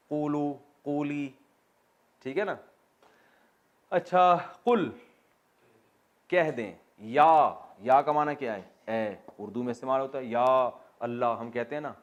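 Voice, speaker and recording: A man gives a classroom lecture on religious texts at a medium pitch. He works through each word step by step. He asks the class questions and answers them himself. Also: pauses often, highs cut off. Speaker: religious teacher. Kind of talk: classroom lecture on Quran vocabulary and grammar.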